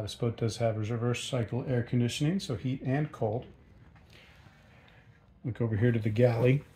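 Relaxed man giving a boat tour. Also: mid-range voice, husky. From United States. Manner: relaxed, thinks aloud with frequent ums and uhs. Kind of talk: casual walkthrough narration. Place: aboard a docked sailboat, outdoors then in the cabin.

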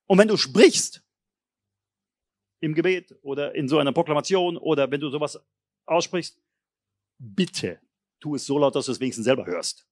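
A man preaching a charismatic sermon, moving between low, intense murmurs and loud, forceful exhortation in a blunt, colloquial manner. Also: animated, normal speed, long pauses, dry recording, clean studio sound. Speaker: pastor.

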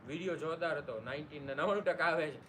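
A man's voice: fairly high pitch, quick pace, fairly bright tone. A man hosting a casual live stream, greeting viewers by name and joking along. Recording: noisy room ambience.

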